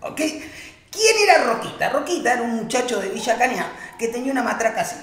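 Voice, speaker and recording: A man's voice: very high voice, lively intonation, brisk, a bit bright, roomy sound. A man from Argentina with an Argentine accent mixed with Venezuelan, rambling through stories with many restarts in a casual chat. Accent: Argentine with a Venezuelan mix.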